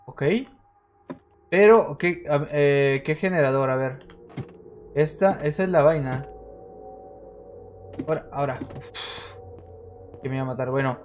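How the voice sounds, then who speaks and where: A man streaming a horror game, chatting to his viewers and getting jumpy and excitable, yelling when scared. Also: a little high, measured pace, long pauses, soft background music. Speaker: gaming streamer. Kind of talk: let's-play commentary.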